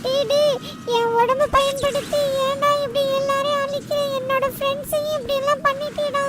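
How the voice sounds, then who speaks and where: Brief: a scared pleading cartoon boy, very high-pitched, distant in loud game noise. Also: level tone, brisk. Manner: pleading, panicky.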